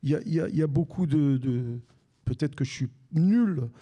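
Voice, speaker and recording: An older man with a Marseille accent, telling lively anecdotes as a podcast guest and acting out the dialogue. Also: fairly high pitch, a little fast. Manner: animated anecdotes with repeated restarts and acted-out dialogue. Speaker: guest, former sports radio commentator. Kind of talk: storytelling in a live podcast conversation.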